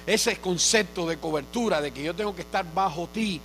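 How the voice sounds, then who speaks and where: High-voiced preaching man, earnest. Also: moderate pace, a bit bright, faint music behind. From Cuba. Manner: earnest storytelling preacher, rising to fervent proclamation. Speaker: pastor. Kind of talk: sermon.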